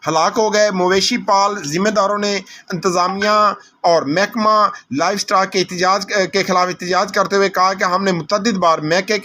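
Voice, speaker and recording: A male field reporter with a Pakistani accent delivers a news report. His voice is high and sharply bright, and he occasionally trips over words.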